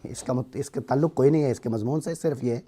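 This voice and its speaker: A man's voice: medium pitch, dark tone. Man lecturing a class step by step. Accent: Pakistani. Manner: explains step by step, asks students questions. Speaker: teacher.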